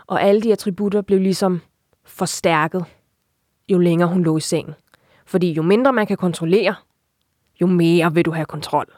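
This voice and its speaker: Young woman interviewee, lowish voice, open and reflective storytelling. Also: a little mellow, no room sound, clean studio sound. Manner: reflective and open, frequent filler tags. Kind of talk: candid personal account.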